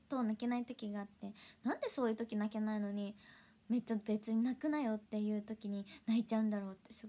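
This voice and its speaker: A young woman with a chats casually to her livestream viewers. She speaks with a fairly high voice, giggling often and sometimes dropping into a soft whisper. She sounds close to the mic. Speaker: idol livestream host.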